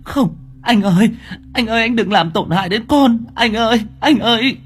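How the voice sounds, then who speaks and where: A man's voice: very high-pitched, moderate pace, pitched above the performer's own voice. A man voicing a frantic young wife who sobs, stammers and begs for her baby in an audio storybook. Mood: frantic wailing. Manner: sobbing, pleading, stammering.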